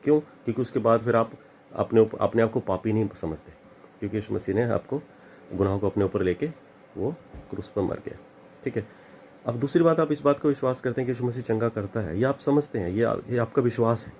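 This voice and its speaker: A man's voice: mid-range voice, a little fast, mellow, slight background noise. A man preaching an earnest sermon as a pastor, repeating phrases and slipping into English now and then.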